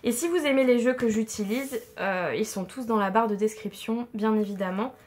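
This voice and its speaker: Speaking at normal speed in a slightly high voice, a woman gives her viewers a casual tarot reading from a home room, her camera on a tripod. She's chatty, warm and reassuring, with lots of fillers and soft laughs. There's slight background noise.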